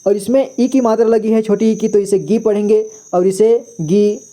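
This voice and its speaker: A man's voice: high-pitched, steady tone, mellow. A man teaching a beginners' lesson, patiently repeating each syllable and checking that the listener follows. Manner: patient, repeats syllables slowly, often says "theek hai". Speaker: Hindi teacher. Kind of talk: step-by-step lesson.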